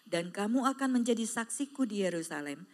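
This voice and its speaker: Female scripture reader, steady even delivery. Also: mid-range voice, brisk. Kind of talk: reading scripture aloud.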